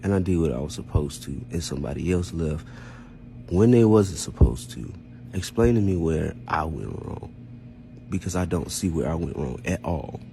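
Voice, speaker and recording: Recounting something that happened to him, this storyteller is aggrieved and emphatic in a casual way, tossing out rhetorical questions and playing out the exchanges. He has a deep, dark, expressive voice with vocal fry at a moderate pace, and faint music plays behind him.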